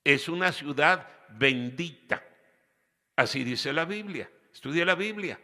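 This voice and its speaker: A man's voice: fairly high pitch, animated, measured pace, pushed and bright, in a large hall. A man preaching a sermon as pastor, with rhetorical questions and emphatic repetition. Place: church hall.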